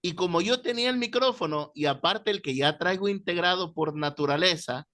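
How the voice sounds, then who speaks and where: A man teaching a Bible class, telling stories with lively, animated delivery. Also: sits high, a little fast. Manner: animated storyteller, shouting out quoted voices. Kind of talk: classroom lecture with storytelling.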